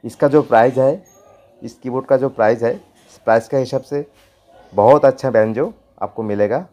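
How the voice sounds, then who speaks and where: A man hosting a keyboard tutorial, talking slowly and repeating himself, pleading with viewers. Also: mid-range voice, mellow, lo-fi sound. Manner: slow, repetitive, pleading.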